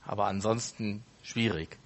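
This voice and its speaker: A man's voice: lowish voice, moderate pace. A man casually retelling a parable off the cuff, correcting himself as he goes. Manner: unscripted, with fillers and self-corrections.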